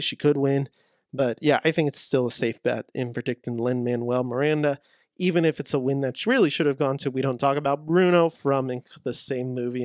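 A man giving frank, animated awards-prediction commentary as a film reviewer, reading out quotes. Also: mid-range voice, no echo, clean studio sound.

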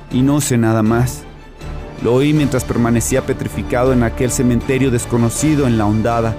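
An actor narrating as a haunted man recounting a horror, with grave, measured horror storytelling. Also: on the low side, close to an everyday voice. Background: music.

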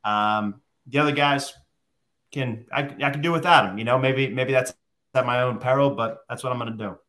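A man's voice: medium pitch, normal speed, a bit bright. A man co-hosting a golf betting podcast, rambling casually and tossing out punning nicknames. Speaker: podcast co-host. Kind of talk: casual sports betting chat.

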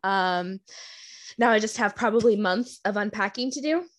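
A young woman chats on a casual podcast with a mid-pitched voice. She giggles often and rambles with fillers as she talks. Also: normal speed. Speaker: podcast co-host.

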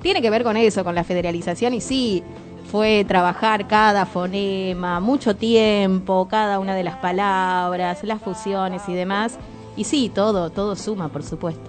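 A woman from Córdoba with an Argentine accent and faint traces of her home region, chatting as a radio guest in a lively, often laughing way. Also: mid-range voice, moderate pace, faint music behind. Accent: Argentine Spanish, faint Córdoba traces. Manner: animated, laughs often, reflective. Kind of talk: casual radio chat.

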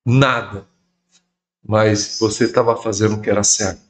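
Bishop guest, middle-aged male, animated storyteller who voices the people he quotes. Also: fairly low pitch, moderate pace. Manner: lively storyteller who acts out quoted dialogue. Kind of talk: storytelling in a podcast interview.

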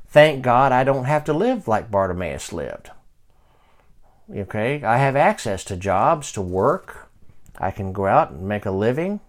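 A man in his fifties preaching a sermon, reading scripture slowly and moving from quiet asides to loud calls to pray. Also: mid-range voice, very animated. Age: 50s. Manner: reads scripture slowly and deliberately. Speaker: pastor.

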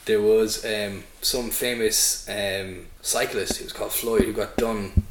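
A man's voice: fairly low pitch, steady tone, unhurried. A man with a west of Ireland accent, chatting casually in an interview in a jokey, sweary, anecdotal way. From Sligo, west of Ireland. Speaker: band member being interviewed. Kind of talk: casual chat. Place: indoors on pub or venue premises. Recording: roomy echo, faint noise and clicks.

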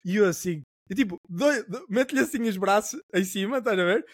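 A young Portuguese man co-hosting a relaxed podcast, spinning lively, slangy anecdotes with casual swearing. His voice sits high and the words tumble out fast. The sound is dry and close. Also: husky, dry recording. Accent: European Portuguese. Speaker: podcast co-host.

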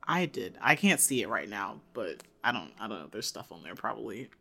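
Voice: mid-range voice, big pitch swings, brisk, gravelly, bright, forceful tone, husky. A co-host in their mid-twenties chatting casually in a laid-back, slangy way and laughing a lot. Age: 20s. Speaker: podcast co-host. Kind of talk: casual chat.

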